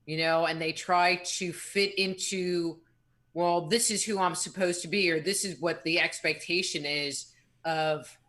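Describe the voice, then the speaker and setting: A woman's voice: lowish voice, steady tone, a little slow, fairly bright tone. A woman co-hosting live radio in casual chat, talking in a reflective, rambling way with frequent restarts. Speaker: radio show co-host.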